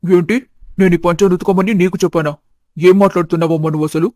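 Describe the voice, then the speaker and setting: Brief: stern father-in-law, put on by a woman, low and flat, scolding, storybook. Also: fast talker, no room sound, clean studio sound, close to an everyday voice. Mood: indignant. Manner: indignant, scolding.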